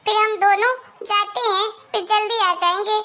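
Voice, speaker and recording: A woman's voice: very high voice, steady tone, normal speed, bright, forceful tone. A woman voicing a doting, indulgent older mother and mother-in-law who soothes her daughter, in a Hindi moral story cartoon.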